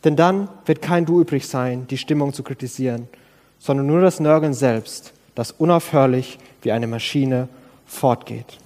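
A man's voice: medium pitch, normal speed, mellow, big-room sound. A man preaching an earnest sermon, thinking aloud with restarts and acting out quoted pleas in a raised voice.

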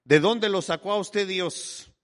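A man's voice: sits high, unhurried, in a large hall. A man preaching a fervent sermon as pastor, calling out to his listeners as brother again and again.

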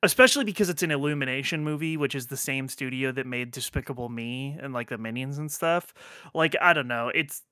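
A man's voice: medium pitch, a little fast, pushed and bright, clean tone, no room sound, clean studio sound. A man hosting a podcast in casual chat, rambling with lots of fillers, restarts and offhand swearing. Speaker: podcast host.

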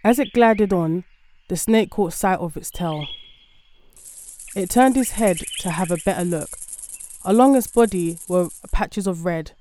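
A woman reading a folk tale aloud in a gentle, even storybook manner. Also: fairly low pitch, a little slow.

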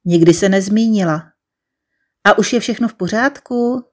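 Woman reading a wry first-person story. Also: medium pitch. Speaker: narrator.

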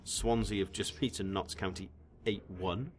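A man hosting a casual football chat, relaxed and hesitant, often restarting his phrases. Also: fairly low pitch, normal speed, slight background noise. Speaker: podcast host.

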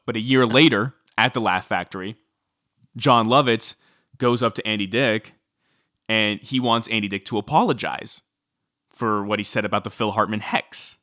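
In a fairly low voice with a dry, clean studio sound, a man co-hosting a podcast casually recounts a true-crime story. He's chatty and uses lots of fillers, getting animated when quoting.

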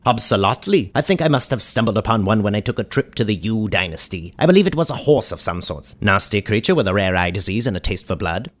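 An actor playing a goofy, cheerful ghost of a warlord in a comedy radio sketch, talking in a whimsical, rambling way. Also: male voice, fairly low pitch, animated, fast talker, hardly any pauses. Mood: jolly. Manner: whimsical, rambling, sing-song.

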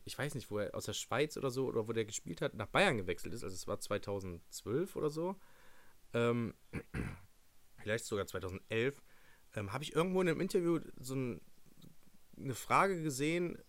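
A young man on a casual podcast, his pitch swinging up and down as he tells a story. He rambles, stumbling over fillers and restarting his sentences as he goes. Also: fairly bright tone. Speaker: podcast co-host. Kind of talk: casual chat.

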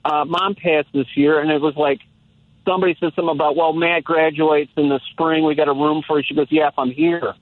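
A man's voice: on the high side, steady tone, brisk, no room sound. A man in his sixties calling in to a talk show, chatting casually and reflectively, with many restarts. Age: 60s. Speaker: caller. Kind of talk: casual phone-in chat. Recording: tinny phone line.

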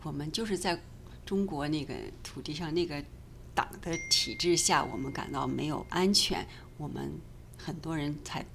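A woman sharing in a group discussion, speaking softly and hesitantly, with restarts. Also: low voice, normal speed, vocal fry, slight background noise. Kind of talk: casual spoken sharing.

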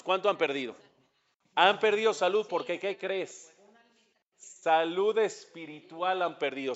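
A man's voice: on the high side, fairly bright tone, lo-fi sound. Emphatic Mexican man lecturing. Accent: Mexican Spanish. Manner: asks the audience questions, rises to emphatic peaks. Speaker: rabbi. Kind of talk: religious lecture.

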